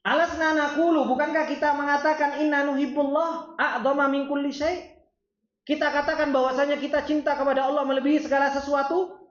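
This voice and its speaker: A man's voice: very high voice, fairly quick. Man, Islamic study lecture, rhetorical questions, Arabic quotes, echoey room, muffled recording. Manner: animated, asks the audience rhetorical questions; reads Arabic lines, then explains them in Indonesian. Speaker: ustaz teaching a religious study circle. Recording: roomy, dull lo-fi sound.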